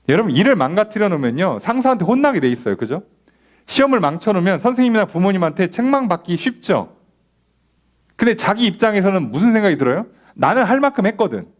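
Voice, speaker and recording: A man pastor teaching a Bible study in a conversational way, acting out little dialogues and asking rhetorical questions. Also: high voice. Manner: conversational, acts out imagined dialogues in a softer voice, asks rhetorical questions. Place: church.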